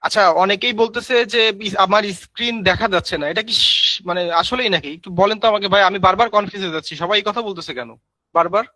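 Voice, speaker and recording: A man's voice: high-pitched, quick pace, pushed and bright, no echo, low-quality recording. A man teaching a live screen-share tutorial, chatty, calling viewers brother and using many fillers. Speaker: online course instructor.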